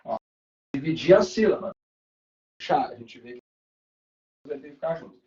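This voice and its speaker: A man's voice: a little high, lively intonation, a little fast, dark tone, highs cut off. A young adult man, teaching a live online class in a casual, chatty way with light swearing. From Brazil.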